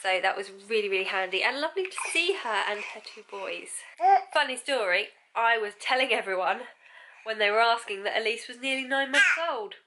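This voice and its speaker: Young english woman with a stuffy cold voice, soft and chatty, kinda bright and highish. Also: fairly quick. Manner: soft-spoken, chatty with filler ums. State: congested with a cold. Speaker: vlogger. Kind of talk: casual vlog chat.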